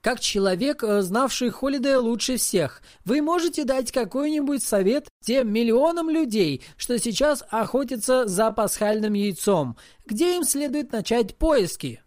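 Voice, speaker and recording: A man voicing an eager male news reporter who fires off brisk questions. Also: very high voice, lively intonation, a little mellow, no room sound, studio quality, pitched above the performer's own voice.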